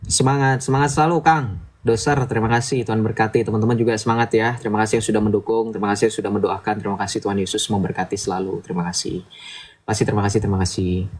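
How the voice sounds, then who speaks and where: A man's voice: fairly low pitch, fairly even intonation, racing, darkish tone. A man hosting a casual livestream, chatty and lecturing, often asking his listeners to agree. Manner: chatty, lecturing, asks "betul nggak?" often. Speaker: livestream host.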